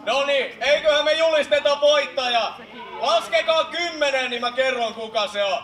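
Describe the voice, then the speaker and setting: A man's voice: very high-pitched, fairly bright tone. A man hosting a live rap battle, hyping the audience with call and response. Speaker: battle host. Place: live block party stage. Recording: echoey, far from mic, crowd noise.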